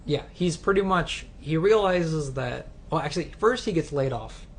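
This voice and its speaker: A man's voice: fairly high pitch, lively intonation, moderate pace, husky. An easygoing man co-hosting a podcast in casual chat, agreeable and full of fillers. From United States. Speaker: podcast co-host.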